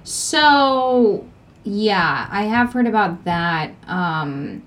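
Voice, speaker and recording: A woman co-hosting a casual podcast, blunt and animated, rushing her words with lots of fillers. Her voice sits at a middle pitch. A faint noise sits under the recording. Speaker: podcast co-host.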